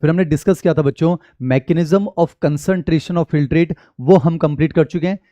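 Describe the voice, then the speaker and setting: Indian male teacher with a warm voice. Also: on the high side, normal speed, no room sound. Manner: repeatedly addresses students as children, mixing Hindi and English terms. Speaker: biology teacher. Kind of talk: exam-prep lecture.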